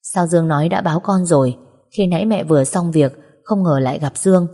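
A woman voicing a gentle older mother who speaks slowly and calmly, in a storybook reading with long hall reverb. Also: fairly low pitch.

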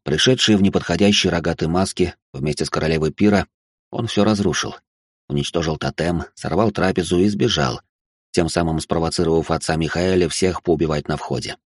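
A man's voice: low-pitched, no room sound, clean studio sound. A man narrating an audiobook in a casual, slangy storytelling manner.

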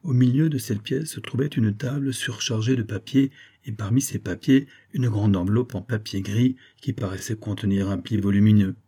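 Low husky male audiobook narrator. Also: normal speed, mellow. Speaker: audiobook reader. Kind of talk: scripted narration of a classic novel.

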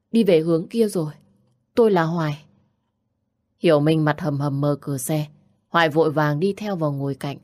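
A woman reads a romance story aloud in an even, measured way. Her voice is low and steady. The recording is dry and close, with no room sound. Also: no echo. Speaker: narrator. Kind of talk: audiobook storytelling.

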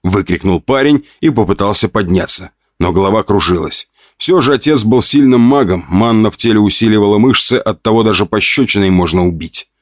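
A man reading an audiobook as narrator, in a steady, even manner. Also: lowish voice, fairly quick, dry recording, highs cut off. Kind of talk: scripted narration.

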